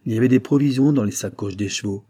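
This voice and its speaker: A man's voice: mid-range voice, fast talker, mellow, slightly rough, lightly acted. A man reading a male servant who gives a plain, detailed account of events in an audiobook. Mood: matter-of-fact.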